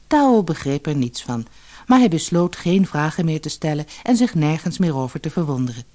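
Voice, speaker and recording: A woman reading a fairy tale aloud as a storyteller, with an expressive, gently varied delivery. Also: low voice, normal speed. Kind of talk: storybook narration for children. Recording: audiobook with soft music behind. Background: faint music.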